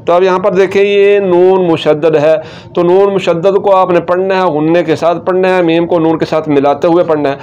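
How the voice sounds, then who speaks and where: High, smooth-voiced male tajweed teacher. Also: steady tone, darkish tone, lo-fi sound. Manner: explains letter sounds step by step, repeating words slowly. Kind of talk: Quran recitation lesson.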